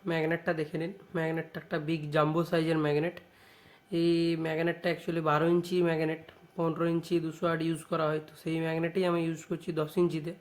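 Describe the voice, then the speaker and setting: A shop owner from West Bengal, India, vlogs a casual showcase of his products in a West Bengali accent. His voice is a little high and completely flat, his pace quick, and he often tacks on little checking tag phrases.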